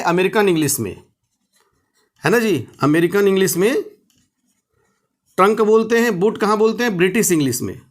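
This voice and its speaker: A man teaching English vocabulary in a Hindi-medium lesson. He spells words out letter by letter, repeats phrases, and asks questions before answering them himself. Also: high voice.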